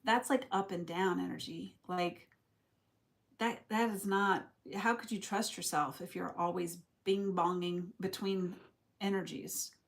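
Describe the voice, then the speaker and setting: A woman's voice: on the low side, steady tone, measured pace. A young woman giving a casual live tarot reading, talking in a loose, reflective, rambling way. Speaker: tarot reader.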